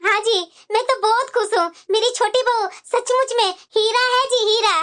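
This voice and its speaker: A woman's voice: very high-pitched, fairly even intonation, moderate pace, fairly bright tone. A woman voicing a stern, bossy middle-aged mother-in-law in a cartoon, lecturing and scolding her daughters-in-law. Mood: complaining. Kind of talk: cartoon voice acting.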